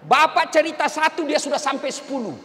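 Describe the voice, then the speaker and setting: A man preaching a humorous sermon, animated and jokey, jumping from loud outbursts to low murmurs. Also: fairly quick. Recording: long hall reverb.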